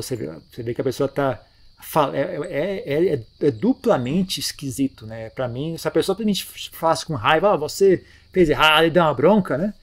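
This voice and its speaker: Man giving a calm Buddhist talk. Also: on the high side, slightly rough. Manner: relaxed, conversational, frequent tag questions. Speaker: Buddhist teacher. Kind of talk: dharma talk. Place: monastery.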